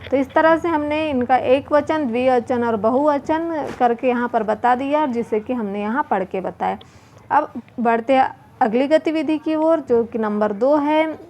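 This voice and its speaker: A woman teacher going through a children's workbook lesson, reading out word lists slowly and explaining each one in turn. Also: high voice, a little mellow, slight background noise. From India. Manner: slow, drawn-out word recitation.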